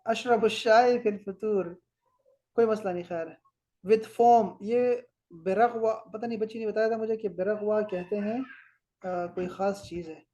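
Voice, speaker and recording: Brief: Pakistani man, Arabic teacher checking homework, repeats words slowly. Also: high voice, steady tone, mellow. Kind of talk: correcting homework in class.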